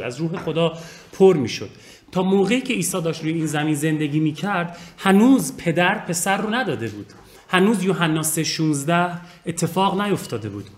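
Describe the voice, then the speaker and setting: A man preaching a sermon, earnest and emphatic, repeating phrases and addressing his listeners directly. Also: fairly high pitch.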